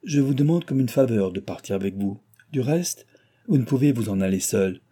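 A man voicing a proud, calm aircraft engineer who lays out his plans in long, measured sentences. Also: mid-range voice, natural voice. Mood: explaining.

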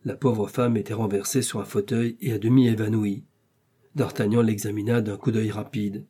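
Mellow-voiced male audiobook narrator. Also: on the low side, husky. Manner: measured, steady storytelling. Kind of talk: scripted literary narration.

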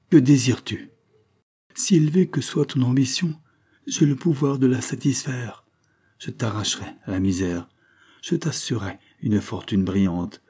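A man's voice: medium pitch, mellow, slightly rough, voice pushed up. A man voicing a frightened male churchman who pleads and bargains for his life in an audiobook. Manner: imploring, wheedling.

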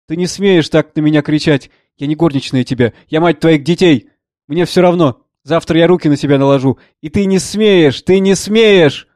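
A man's voice: a little high, normal speed, darkish tone, dry recording, clean studio sound, close to an everyday voice. A man reading a tearful, resentful wife. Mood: distraught. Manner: pleading, accusing, emotional. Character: tearful, resentful middle-aged wife and mother.

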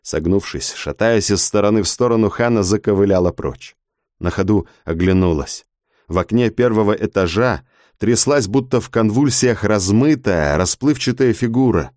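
A man narrates a dark audiobook in a lowish voice with a lively, rising and falling delivery. The telling is tense and vivid. The recording is dry and close. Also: moderate pace, no echo.

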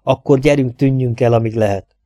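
A man's voice: medium pitch, fairly even intonation, warm tone, no echo, studio quality, natural voice. A man reading a resourceful young woman agent's lines in an audiobook, urgent and raised.

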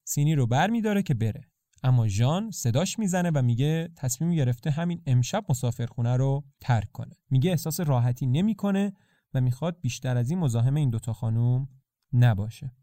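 A man narrating the story of a play in a calm, conversational retelling. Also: medium pitch, dry recording, studio quality.

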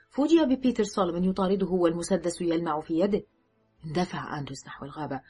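A woman narrating an audiobook thriller in a measured, dramatic reading. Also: sits low, dark tone, slightly rough. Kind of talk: scripted narration.

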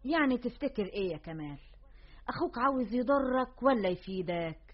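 An older Egyptian mother, husky, quick and coaxing, on a muffled old radio tape. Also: a little high, lively intonation. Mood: pleading. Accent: Egyptian Arabic. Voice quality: pleading, coaxing. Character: older mother, pleading and protective. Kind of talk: Egyptian radio drama acting. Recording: dull lo-fi radio recording.

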